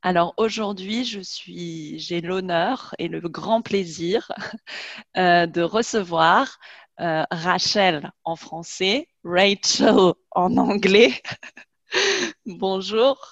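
A woman in her forties hosts a relaxed interview over a video call, talking into a headset. She speaks slowly in a slightly low voice, and the sound is dry and close. She laughs often and restarts words as she goes. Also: no echo, highs cut off. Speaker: host and French teacher. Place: home room, video call.

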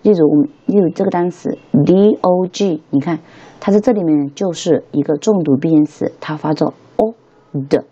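A woman's voice: lowish voice, normal speed, mellow, slightly rough, highs cut off. A young woman teaching an English lesson in a casual, chatty way, often checking with her listeners.

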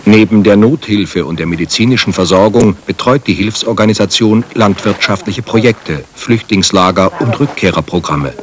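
A man narrates a television documentary in a sober, measured read. His voice sits a little low, recorded clean as a studio voice-over. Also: crowd noise. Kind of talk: scripted narration.

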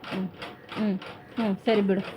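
A woman's voice: medium pitch, flat delivery, moderate pace, muffled recording, a little hiss or hum. A young woman, a mother, vlogging casually at home and coaxing her small children.

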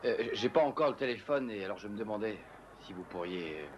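A man's voice: fairly low pitch, lively intonation, a little fast, highs cut off, slight background noise, natural voice. A man dubbing a hesitant polite newcomer. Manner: hesitant, polite, many fillers.

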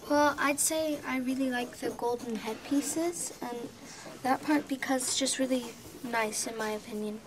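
A woman's voice: high-pitched, moderate pace. A young girl, a student, answering questions a little hesitantly in a classroom. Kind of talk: casual interview answers. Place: busy classroom. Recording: noisy classroom chatter.

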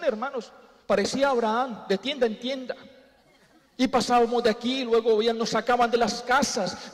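A man preaching a humorous sermon, telling jokey stories and calling the congregation his brothers. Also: very high-pitched. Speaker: comedian preaching at church. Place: church sanctuary. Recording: long church hall reverb.

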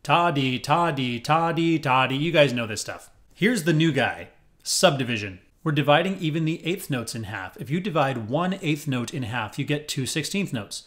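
A man teaching a music lesson, upbeat and clear, counting rhythm syllables aloud in a steady pulse. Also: a little high, moderate pace. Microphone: headphones on, desk recording.

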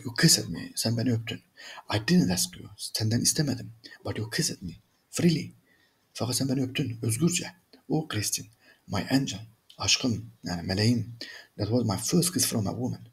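A man's voice: on the low side, creaky, husky. A man teaching, who reads a story in English, then translates and explains each line, often turning to his listeners as friends. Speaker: English teacher reading and translating a graded reader. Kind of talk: reading aloud in English and translating into Turkish.

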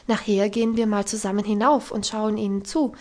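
A woman's voice: a little high, expressive, takes it slowly. A woman reading as a friendly manservant, jolly and comforting, cheering up a child in a storybook reading. His tone stays light and reassuring. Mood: cheerful. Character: cheerful kindly male servant, comforting. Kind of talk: audiobook reading.

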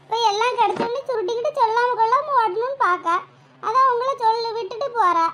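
A woman's voice: extremely high pitch, fast, pushed and bright. A woman voicing a nosy, scheming young village woman, prying and gossipy. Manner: prying, gossipy, mock-soothing.

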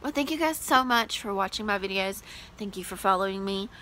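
Bright, gushing young woman vlogger. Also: mid-range voice, lively intonation, fairly quick, a little hiss or hum, rough recording. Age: 20s. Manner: chatty, gushing, many "like" fillers. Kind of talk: casual vlog chat to camera.

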